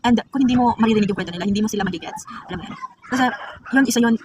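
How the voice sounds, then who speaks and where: A woman's voice: on the high side, rapid-fire, far from the mic, noisy background. A woman from the Philippines chatting casually and confidingly to her viewers in a vlog. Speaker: vlogger.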